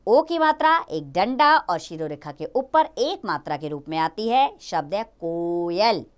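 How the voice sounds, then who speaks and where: A woman teaching a grammar lesson to children, drawing out each letter and example word slowly. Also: fairly high pitch, smooth. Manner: slow, drawn-out teaching of each letter and sound.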